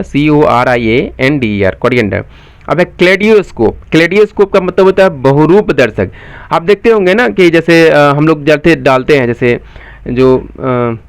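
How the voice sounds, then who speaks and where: A man with a Bihari Hindi accent teaching a spelling lesson for exams. He spells each word slowly letter by letter, then explains its meaning quickly and asks his viewers questions. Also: on the high side, clean tone, dry recording. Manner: asks the viewers questions and answers them himself. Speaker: exam coaching teacher.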